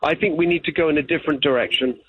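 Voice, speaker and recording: Over a tinny phone connection, a political candidate from England responds to an interviewer with earnest answers, hammering his main points more than once. He talks at a racing clip in a fairly high, slightly rough voice, and there's no echo.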